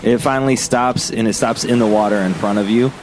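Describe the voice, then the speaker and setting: A man acting as game master, improvising scene descriptions for a tabletop game in a halting way. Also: medium pitch, steady tone, a little mellow, poor audio. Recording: clear background noise.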